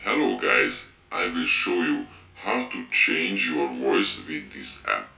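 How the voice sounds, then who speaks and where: A man's voice: low voice, big pitch swings, takes it slowly, vocal fry, sharp tone, roomy sound, distant mic, faint music behind, heavily acted, poor audio. A man's voice turned into a big heroic male robot with a metallic effect filter. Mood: robotic. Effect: robot voice changer filter.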